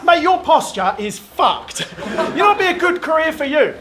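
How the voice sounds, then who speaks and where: A man, a battle rapper delivering a mocking a cappella verse with shouted punchlines on a stage at a battle event. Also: very high-pitched, sing-song, normal speed, background noise. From England. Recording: echoey venue with loud crowd.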